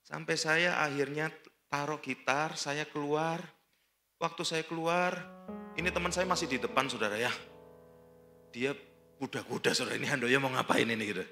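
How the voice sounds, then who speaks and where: Bright-voiced man preaching a fervent sermon. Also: fairly high pitch, moderate pace, long pauses, faint music behind. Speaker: pastor. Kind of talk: sermon with personal testimony.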